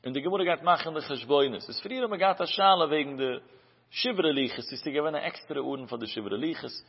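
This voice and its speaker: A man leads a Talmud study lesson, his speech moving in a chanting singsong cadence that rises and falls. His voice is husky and sits a little high for a man. The recording is muffled and dull, with a long reverb trailing behind him as if he is in a large hall. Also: brisk. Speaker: Talmud teacher.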